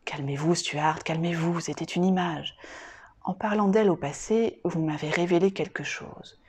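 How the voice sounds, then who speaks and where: Calm probing psychiatrist, read by a woman. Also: on the low side, breathy edge. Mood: reassuring. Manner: measured, questioning, calm. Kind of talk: audiobook character reading.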